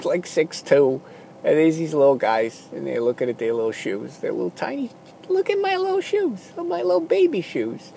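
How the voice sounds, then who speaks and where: In a gravelly, husky voice, a man performs a self-deprecating comic monologue that rambles, lurching between loud bits and quietly mumbled asides.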